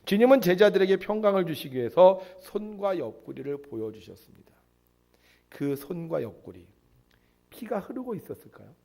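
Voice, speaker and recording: Animated, gravelly male pastor preaching. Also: high voice, moderate pace. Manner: animated storytelling, acting out voices. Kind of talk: sermon.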